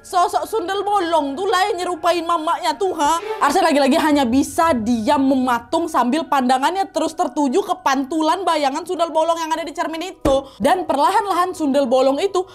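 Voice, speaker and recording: Woman, horror storyteller host, high voice, chatty and expressive, faint music behind. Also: fairly quick, few pauses. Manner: chatty and expressive, addresses listeners. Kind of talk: casual horror story narration.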